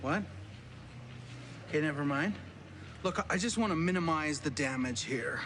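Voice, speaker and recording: An actor playing a fussy, rule-bound warehouse worker in a comic film, nervously polite, officious and stammering. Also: male voice, on the high side, animated, normal speed, fairly bright tone. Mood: nervous, placating. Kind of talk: comedic film acting. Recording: noisy movie location sound.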